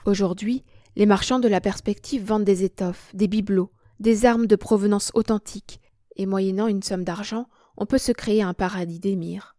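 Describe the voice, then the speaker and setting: A woman narrating a literary story as an audiobook, in a measured, expressive reading. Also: medium pitch, no room sound, clean studio sound. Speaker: audiobook reader.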